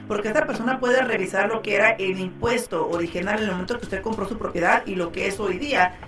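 Female co-host, mid-pitched, casual explanatory advice over faint music. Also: fairly bright tone. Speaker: radio show co-host and mortgage lender. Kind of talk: casual on-air talk and advice.

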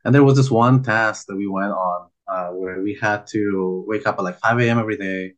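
Speaking at normal speed in a lowish voice, a young nonprofit founder from Peru chats as a guest on a video call. The interview is casual, and he tends to ramble a bit, with many filler words.

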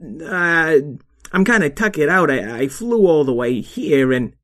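A man voicing a scrappy young male weasel, a cheeky schemer who talks fast and fumbles with fillers. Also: fairly high pitch, animated, fairly bright tone. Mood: wheedling.

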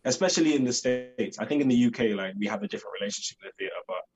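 Speaking very fast and animatedly, a young British actor with a London accent chats eagerly in a casual interview, filling gaps with "like". His medium-pitched voice has a breathy edge, the highs are cut off, and soft music plays behind.

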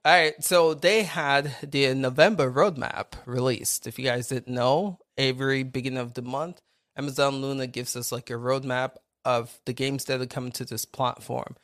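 A man's voice: medium pitch, steady tone, moderate pace, a bit bright, dry recording, studio quality. A man with a Nigerian accent hosting a casual live-stream chat, upbeat and greeting viewers by name. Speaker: podcast host.

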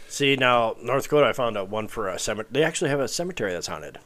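A man's voice: medium pitch, lively intonation, rapid-fire, fairly bright tone. A man co-hosting a casual podcast, chatting and reading out stories with crude, wry humor. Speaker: podcast co-host. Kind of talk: casual podcast chat with read-out ghost stories.

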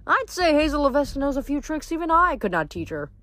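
A woman doing a calm mysterious goddess. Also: high voice, pitched above the performer's own voice. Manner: measured, quiet.

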